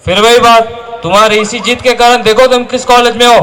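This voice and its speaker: A man's voice: extremely high pitch, flat delivery, a little fast, bright, forceful tone, a little hiss or hum. A man playing a stern, nagging middle-aged father talking on the telephone to his son, admonishing him in an amateur stage play.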